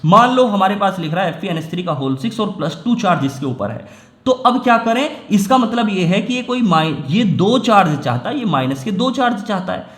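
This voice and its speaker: Male chemistry tutor, high voice, patient self-questioning lecture style, roomy echo. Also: sing-song, brisk, a bit bright. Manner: explains step by step, often asks and answers his own questions. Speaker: chemistry teacher. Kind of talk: classroom lecture.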